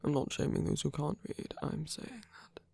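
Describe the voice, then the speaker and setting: Heavily acted and recorded dry, this breathy, often whispered performance by a performer of unclear sex portrays a soft-spoken, tired, tender villain lover for romantic ASMR. At a medium pitch and moderate pace, the voice sounds earnest and halting, with hesitant, lightly wry phrasing.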